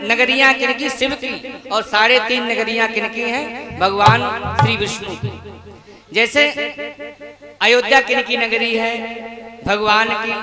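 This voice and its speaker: A man telling a devotional scripture story live, asking the audience questions and chanting verses in between. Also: very high voice. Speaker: Bhagavata storyteller. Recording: loud music under a live talk.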